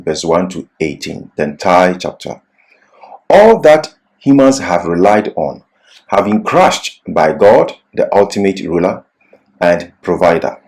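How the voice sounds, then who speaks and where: A Bible class teacher gives a religious seminar lecture, phrasing things deliberately and emphatically with pauses that break in mid-sentence. His voice is low-pitched and a little mellow.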